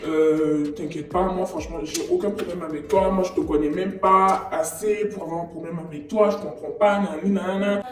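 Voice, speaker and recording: A woman's voice: fairly low pitch, fairly even intonation, a little fast, hardly any pauses, very echoey, far from the mic, pitched below the performer's own voice, natural voice. A woman voicing a whiny, defensive young female coworker who drawls out false reassurances. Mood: falsely reassuring.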